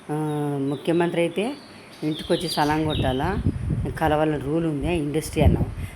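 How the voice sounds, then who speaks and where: A woman's voice: sits low, darkish tone, slight background noise. A woman in an angry political rant, scolding and insulting as she keeps demanding agreement. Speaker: political supporter.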